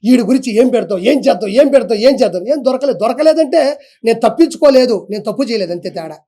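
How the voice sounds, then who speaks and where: Fiery high-voiced man ranting fast. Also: animated, mellow. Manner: fiery, defiant, repeats for emphasis. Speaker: interview guest. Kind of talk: heated political rant.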